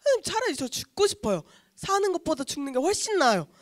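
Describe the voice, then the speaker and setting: A woman's voice: high-pitched, very animated, brisk, no echo, studio quality. A woman voicing an angry adult male prophet who whines and begs in a children's Bible story. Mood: whining complaint. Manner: whining, complaining, pleading.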